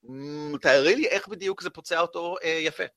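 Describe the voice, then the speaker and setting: A man running a tabletop game as game master, narrating with many fillers and lively storytelling. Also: on the high side, no echo, clean studio sound.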